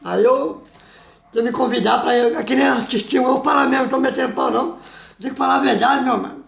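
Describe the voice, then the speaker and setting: A man preaching loudly and emphatically in a very high, gravelly voice. He laughs often between his points. The sound is roomy and echoing. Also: steady tone, fast. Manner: loud and emphatic, says he always talks loud; laughs between phrases, says "meu irmão" often. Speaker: evangelical preacher. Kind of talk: informal sermon.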